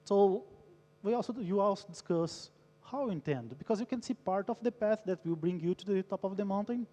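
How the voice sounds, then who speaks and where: Briskly and with lively intonation, a Brazilian man with a high, dark-toned voice engages a conference crowd. He polls the audience and tells a story; the large hall adds a long reverb.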